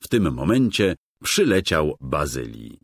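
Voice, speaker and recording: A man narrating a children's game story in a calm, gentle storytelling manner, recorded as a dry close studio voice-over. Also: a bass voice, a little slow, no echo.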